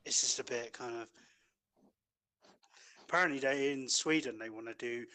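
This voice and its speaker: A man's voice: mid-range voice, normal speed, pushed and bright. A man chatting casually as a podcast co-host, blunt and prone to swearing. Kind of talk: casual banter.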